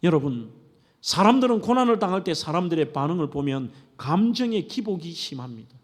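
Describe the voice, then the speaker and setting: A man's voice: on the high side, big pitch swings, brisk. A middle-aged man, a pastor preaching a sermon in a church, speaking earnestly and putting questions to his congregation. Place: church sanctuary. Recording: long church-hall reverb.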